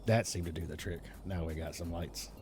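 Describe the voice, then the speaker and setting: A man's voice: low-pitched, fairly quick, over music. A man, hosting and commentating a live esports racing event in a casual, joking way. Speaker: race event host and commentator.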